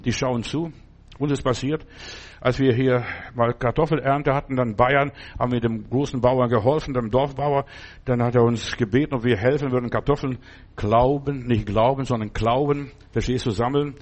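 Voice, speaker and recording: Speaking in a steady, mid-range voice at a moderate pace, a male preacher delivers a sermon in a loose, chatty way. He's repetitive, frequently restarting his phrases and adding asides.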